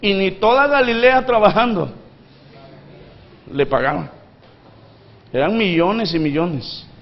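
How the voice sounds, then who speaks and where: A man's voice: sits high, lively intonation, slow pace, highs cut off. A man pastor from Honduras preaching a sermon, calling for responses from the congregation and acting out pleading voices from the story. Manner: acts out pleading voices from the parable.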